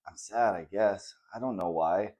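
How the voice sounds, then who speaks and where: A man reading the part of a sad, honest ten-year-old boy in a children's story, speaking gently and hesitantly. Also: deep voice, measured pace.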